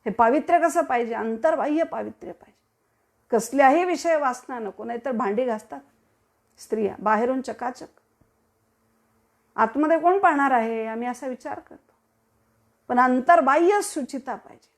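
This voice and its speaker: A woman's voice: high-pitched, normal speed, pauses often. A woman from Maharashtra giving a devotional discourse as a kirtan preacher, rhetorical and declaiming with sudden swells.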